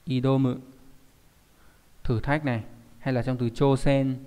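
A male language teacher walks through a recorded online lesson, explaining patiently and often asking rhetorical check questions. His voice sits at an ordinary middle pitch. The recording has a long reverb tail that lingers after each phrase. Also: steady tone, normal speed, mellow. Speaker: Japanese teacher.

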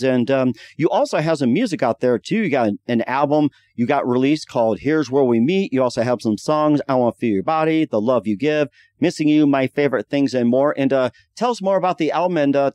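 A man's voice: medium pitch, a little mellow, no room sound. A man hosting a podcast interview, enthusiastic and exclaiming often, and reading sponsor spots. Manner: enthusiastic, frequent "oh my goodness" exclamations. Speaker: podcast host. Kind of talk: casual interview and read ad spots.

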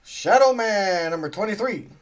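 Another casual comic unboxing by a channel host, who rambles, lets sentences trail off and swears in passing. This man's voice sits high and sounds animated at a moderate pace, with a little background noise.

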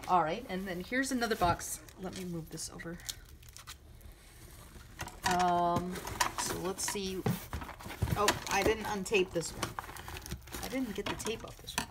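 A middle-aged woman crafting vlogger gushing excitedly over a mail swap, chatty and full of fillers. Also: lowish voice, a little slow, long pauses. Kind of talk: casual unboxing chat. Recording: noisy room with crinkling and clicks.

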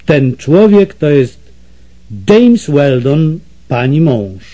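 A cruel, scheming slave trader speaks in a sneering, slow, pointed way, as a male audiobook reader puts him on. The voice is dark and heavy, and it rises high for cutting taunts. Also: animated, highs cut off, exaggerated voice. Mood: sneering, menacing. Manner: sneering and menacing.

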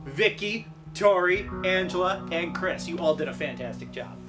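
A man's voice: high-pitched, animated, moderate pace, over music. A man, the game's developer, chatting casually and teasing friends during a gameplay session. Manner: teasing and self-deprecating. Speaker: game developer and guest. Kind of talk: casual let's-play chat.

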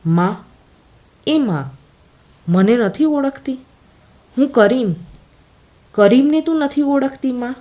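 Woman doing a young fugitive son, choked, tearful, remorseful, urgent, slow, audiobook story. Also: on the low side, darkish tone.

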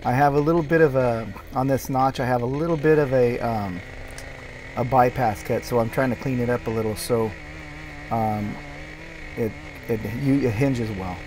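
A middle-aged man narrates his own work video in a casual, explanatory voice-over. He speaks at a middle pitch, often stopping and restarting his sentences. A faint hiss runs underneath. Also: normal speed. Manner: plain, explanatory, with many fillers and restarts. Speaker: tree care worker explaining his video.

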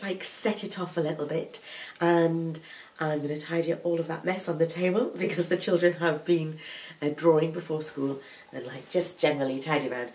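Her voice sits low and darkish as she talks, congested from a cold, in a rambling, self-correcting vlog. She's a full-time mum chatting to a camera on a tripod across her living room, with the mic somewhat distant.

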